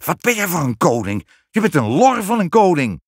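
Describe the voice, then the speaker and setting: Man voicing a sharp, sensible queen. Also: sits high, big pitch swings, fast, dry recording, clean studio sound, pitched above the performer's own voice. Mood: alarmed. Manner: sharp, exasperated. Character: sensible blunt young queen.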